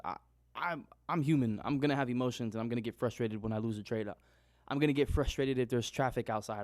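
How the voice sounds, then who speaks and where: A man's voice: mid-range voice, a little mellow, no room sound, clean studio sound. A young man talking unscripted into his own microphone, rambling and questioning himself, often restarting his sentences. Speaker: trading vlogger. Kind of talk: unscripted casual monologue.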